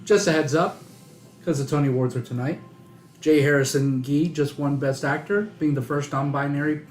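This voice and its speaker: A player with a mid-pitched voice, chatting eagerly at a game table. The room sounds roomy, with faint music behind. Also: steady tone, moderate pace, a little mellow. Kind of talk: casual chat at a game table.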